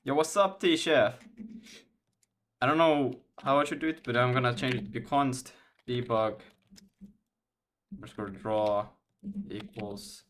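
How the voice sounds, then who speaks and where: A man's voice: medium pitch, slow, pauses often. A man with a Swedish accent hosting a casual coding video, thinking aloud with trailing restarts as he works.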